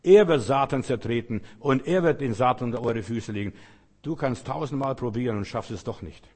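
A man preaching a sermon with emphatic swings between loud outbursts and quiet asides, acting out biblical speakers. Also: medium pitch, fairly quick, big-room sound. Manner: acts out biblical speakers in quoted lines.

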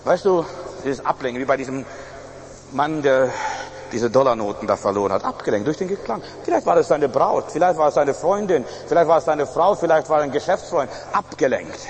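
A man's voice: on the high side, animated, fairly quick, a little hiss or hum. A male pastor preaching a sermon emphatically, with frequent fillers and restarts. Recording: reverberant hall, faint ambience.

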